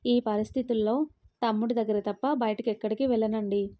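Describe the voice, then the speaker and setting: A woman's voice: fairly high pitch, steady tone, fairly quick, dark tone, lightly acted. A woman voicing a weary, remorseful pregnant young wife in a spoken story. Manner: weary, tearful.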